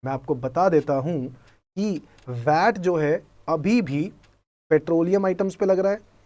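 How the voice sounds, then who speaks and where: A man's voice: on the high side, measured pace, darkish tone. An Indian man teaching a tax class, asking questions on his students' behalf and answering them, mixing in English terms and calling his students kids. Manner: mixes Hindi with English terms; addresses students fondly as kids. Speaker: tax lecturer. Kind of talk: classroom lecture.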